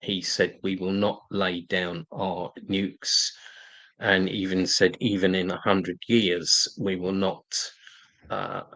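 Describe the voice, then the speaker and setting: London guy on a livestream, slow and halting, lots of uhs, lowish voice. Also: little pitch movement, a bit bright. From England. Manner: hesitant, many filler sounds and restarts. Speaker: livestream host. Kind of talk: livestream talk answering viewer questions.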